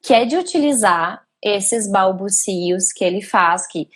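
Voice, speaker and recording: A woman's voice: medium pitch, animated, unhurried, slightly rough. A woman hosting a live stream, reading viewer questions aloud and affirming her guest. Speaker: live host.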